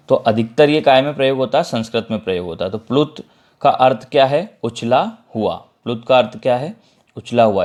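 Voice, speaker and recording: A male teacher with a Madhya Pradesh Hindi accent gives a grammar lesson. His voice sits at a middle pitch, neither high nor low. He explains each point step by step, repeats the terms, and keeps checking that the class is following. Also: a little mellow.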